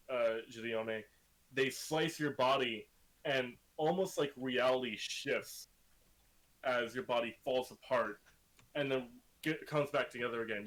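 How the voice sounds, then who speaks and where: A man's voice: mid-range voice, a bit bright, low-quality recording. Man narrating as game master. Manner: vivid, dramatic narration.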